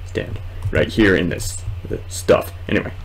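Low and unhurried, a gamer in his twenties who hosts videos talks through a casual let's play, rambling and hesitantly muttering to himself. The home recording is clearly noisy and was made indoors in a small room.

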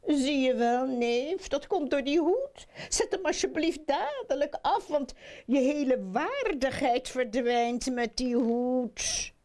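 Woman doing fussy aunt, storybook, high lively pitch, insistent. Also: slow. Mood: fretful. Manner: insistent, fretful. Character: fussy, scolding older aunt.

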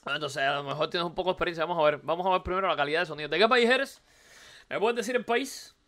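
A rapid-fire Cuban man critiques a viewer's video live, teasing, repeating phrases and firing off rhetorical questions. His voice sits high and sounds bright and a little hoarse. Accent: Cuban Spanish. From Cuba. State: hoarse from recording the night before. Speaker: streamer reviewing a viewer's video. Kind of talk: casual live-stream commentary.

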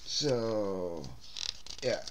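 Speaking very slowly with lively intonation, a low-leaning male voice delivers an off-the-cuff music album review. He's the Canadian host of his own CD review series, chatting and rambling with repeated words, restarted sentences and a slightly scratchy throat.

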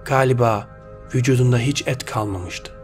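A man reads a short story aloud as narrator, in a steady, measured way. His voice sits at an ordinary pitch for a man. Soft background music runs under the reading.

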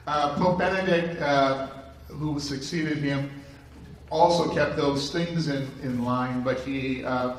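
An older man, a Jesuit priest, giving an animated lecture with many ums and restarts into a handheld mic. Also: on the high side, slow, slight background noise. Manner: animated, gestures widely, many fillers and restarts. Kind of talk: conference lecture. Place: large conference room with audience. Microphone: handheld microphone, far camera. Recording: echoey hall, heard from far off.

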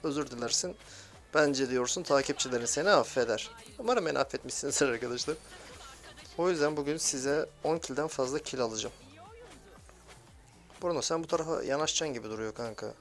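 A young man giving excitable, grumbling commentary while playing a mobile game, swearing at teammates. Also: medium pitch, brisk, soft background music. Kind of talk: live gameplay commentary.

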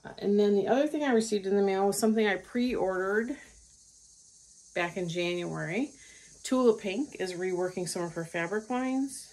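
A woman's voice: mid-range voice, normal speed, darkish tone. A middle-aged woman hosting a stitching vlog, chatting casually about her craft purchases with frequent ums and restarts. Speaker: craft channel host.

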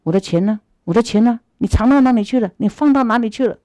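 An angry merchant, as a woman acts him out, loud and accusing. He speaks above her usual pitch, and her mellow tone comes through under the anger in a dry, close sound. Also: quick pace, no echo, lightly acted.

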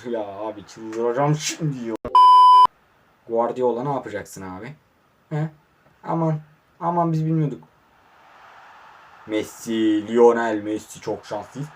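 A young man talks through his own online football game, chatting to the players on screen and veering from low mutters to bursts of excited shouting. He's unhurried and pauses often, with background noise behind him.

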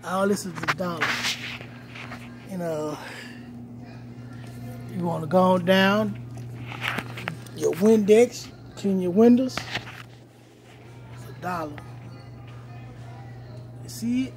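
A man's voice: high-pitched, takes it slowly, long pauses, music in the background. A middle-aged man filming a casual walkthrough of a store aisle on a phone at arm's length, pointing out prices to viewers over and over. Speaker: vlogger. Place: large store aisle indoors. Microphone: phone held at arm's length. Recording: noisy store ambience.

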